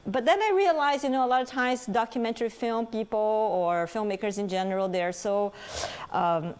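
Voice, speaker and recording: A woman from Brazil, a film director answering interview questions in an animated way, often laughing between points. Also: a little high, moderate pace, clean tone. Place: film festival event.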